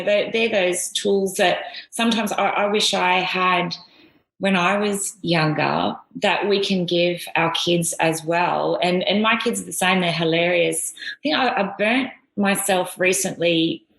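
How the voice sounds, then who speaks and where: A woman's voice: medium pitch, vocal fry, fairly bright tone. A middle-aged woman with an Australian accent, a guest talking casually in a rambling way with many restarts. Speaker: guest, air force veteran. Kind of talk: casual interview chat. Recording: echoey room.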